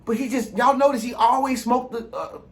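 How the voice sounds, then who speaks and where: A man's voice: extremely high pitch, steady tone, fairly quick. An American man talking casually in a rambling solo vlog, using street slang and repeatedly checking that listeners follow him. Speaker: vlog host giving informal advice.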